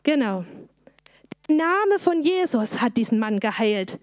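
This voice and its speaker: A woman, telling a Bible story to children in a lively way and asking them questions. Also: fairly high pitch, a little slow, dry recording.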